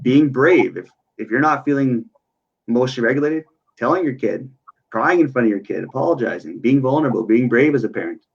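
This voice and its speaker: Man, interview guest, earnest, explanatory, middle pitch, slightly muffled recording. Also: animated, fairly quick, vocal fry, slightly rough. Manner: earnest, explanatory, with frequent fillers. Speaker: guest, youth worker and parenting coach.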